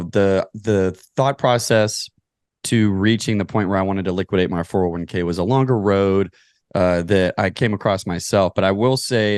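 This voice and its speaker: On a podcast, an American real estate investor from Kentucky walks through interview questions methodically while keeping things conversational. His lowish voice is a little mellow, and the studio-quality recording has no room sound.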